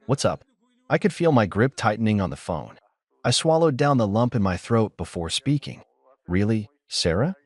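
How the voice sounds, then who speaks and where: A man's voice: medium pitch, sing-song, brisk, no echo. A man reading a dramatic first-person story aloud as a scripted narration.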